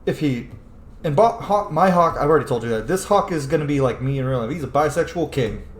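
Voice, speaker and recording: A fast-talking let's-player with a rather high voice reacts aloud to a game, blunt, playful and full of swearing. The gaming streamer's commentary is casual and animated, recorded with a roomy echo and faint background noise.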